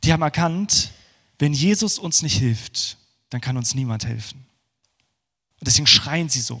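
A man preaching a sermon, moving between fervent passages and hushed, prayerful ones. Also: mid-range voice, expressive, normal speed, slightly rough. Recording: long hall reverb.

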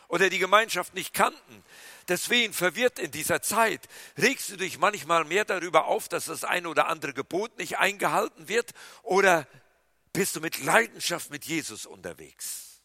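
Bright, dry-sounding preaching pastor, a man. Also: fairly high pitch, no echo. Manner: animated preaching, swinging from loud emphatic lines to hushed quiet ones. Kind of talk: sermon.

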